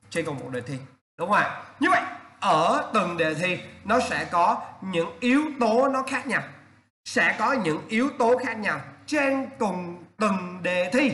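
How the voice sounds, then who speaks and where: A man's voice: sits high, bright, forceful tone, reverberant. A man teaching an exam-prep lesson, stressing points by repeating them and asking rhetorical questions.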